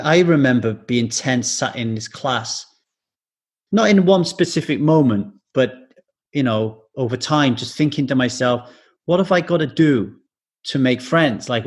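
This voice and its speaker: A man's voice: medium pitch, expressive, a little slow, slightly rough. A man hosting a podcast interview, earnest and sharing his own stories between questions. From England. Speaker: podcast host. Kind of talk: interviewing a guest.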